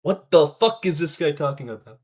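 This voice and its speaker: Sweary, animated gamer bro, male streamer, slightly husky. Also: fairly high pitch, a little fast. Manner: hyped gamer-bro talk, sweary and slangy. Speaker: live streamer hosting a game stream. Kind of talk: casual gaming livestream chat.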